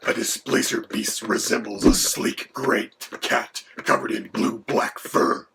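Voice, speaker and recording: A man voicing a menacing male dragon who co-hosts, with a gravelly, whispery voice. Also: mid-range voice, steady tone, measured pace. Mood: matter-of-fact. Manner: mock-menacing, then lecturing in turn with the host. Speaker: co-host. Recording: background noise.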